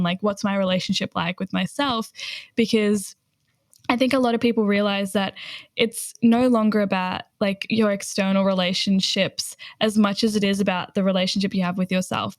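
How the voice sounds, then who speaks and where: A woman's voice: medium pitch, no room sound, studio quality. Casual young woman podcast host. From Australia. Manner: casual, many "like" fillers.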